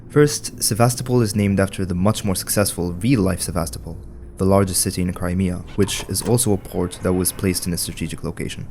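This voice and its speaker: Low-voiced man narrating wryly. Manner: wry, conversational commentary. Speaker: video essay narrator. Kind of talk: scripted narration.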